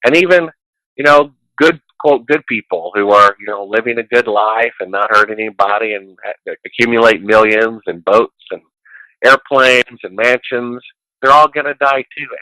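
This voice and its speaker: A man's voice: mid-range voice, moderate pace, sharp tone, no echo, low-quality recording. A man in a casual conversation as a guest, talking in a preachy, rambling way and quoting scripture.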